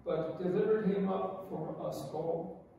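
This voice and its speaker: A man slowly intoning prayers and readings as the officiant of a church service, heard with a cathedral echo. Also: sits high, gravelly, lo-fi sound, a little hiss or hum. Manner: slow, solemn intoning. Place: large church. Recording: cathedral echo heard from far off, faint ambience.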